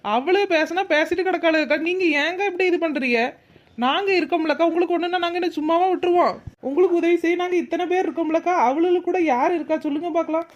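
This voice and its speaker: A woman doing a bold young village neighbor. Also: extremely high pitch. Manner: reassuring, firm.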